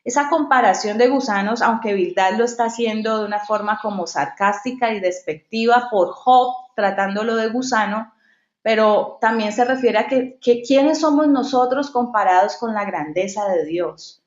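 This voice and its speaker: A woman's voice: on the high side, normal speed, echoey room, lo-fi sound. A woman leading a devotional Bible study for women, talking in a conversational way and telling personal stories. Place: at home.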